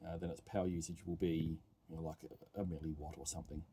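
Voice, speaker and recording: A fast-talking developer with an extremely low, dark-toned voice and a flat delivery thinks aloud hesitantly during a casual live technical demo. Typing and clicking at his workbench keyboard come through in the noisy room.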